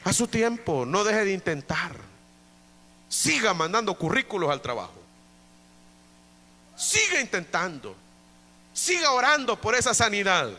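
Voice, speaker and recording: Bright-voiced male pastor preaching. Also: sits high, big pitch swings, unhurried, pauses often, in a large hall. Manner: emphatic preaching with many repetitions, often addressing listeners as brother. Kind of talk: evangelical sermon. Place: church during an evening service.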